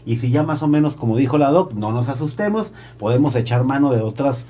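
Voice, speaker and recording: Male podcast host, warm dark tone, playful and provocative questions. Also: medium pitch, animated, a little fast. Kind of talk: casual podcast interview.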